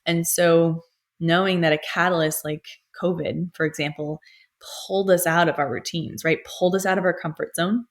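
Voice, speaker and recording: A young woman talks in a low, even voice, drifting through a soft spiritual monologue. She wanders between thoughts, leaning on fillers and pauses as she muses from home. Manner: soft, meandering, many fillers. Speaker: astrologer and healer.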